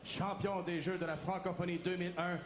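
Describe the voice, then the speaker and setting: A man working as a boxing ring announcer, formally presenting in French and English with ceremonial, drawn-out delivery. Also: sits high, flat delivery. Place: boxing arena. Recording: echoey arena PA with noise.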